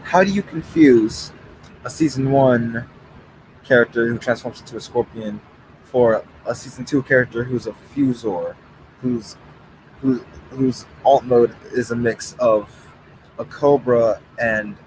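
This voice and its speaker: A man's voice: medium pitch, measured pace, darkish tone, low-quality recording. Male streamer, casual swearing banter with chat, faint noise under it. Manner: reads out chat, argues, swears, laughs.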